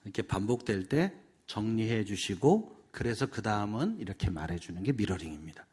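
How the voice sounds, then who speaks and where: A middle-aged man leads a parenting seminar, his delivery lively and full of sweeping pitch. His voice has a husky grain, and he keeps slipping into acted-out voices to show his points. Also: brisk. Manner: animated, acts out examples in voices. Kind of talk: seminar lecture.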